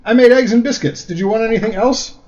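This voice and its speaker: A man's voice: extremely high pitch, fast talker, darkish tone, voice pushed up. A man voicing a concerned young older brother in a lifted, earnest read, on a dull lo-fi recording.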